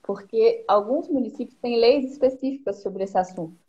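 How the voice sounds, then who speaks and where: A woman's voice: a little high, normal speed, warm tone. Brazilian woman explaining policy over lo-fi stream. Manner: methodical, lays out points one by one. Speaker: education policy consultant, guest. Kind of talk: explanatory live-stream conversation. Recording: dull lo-fi stream audio.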